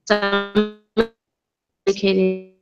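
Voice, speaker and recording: A woman's voice: medium pitch, completely flat delivery, slow pace, lo-fi sound, over loud music. A woman student in a group study video call, reading a task aloud while her call audio glitches and breaks up. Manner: reads task text aloud, then talks it through. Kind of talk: casual chat over a video call.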